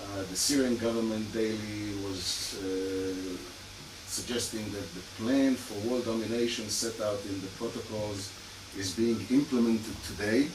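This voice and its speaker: In a lecture room with hall-like echo, a criminologist speaks a little slowly in a steady, fairly low voice. His accent is Hungarian and Israeli, and his academic lecture is peppered with fillers and dry asides. The far mic makes it noisy.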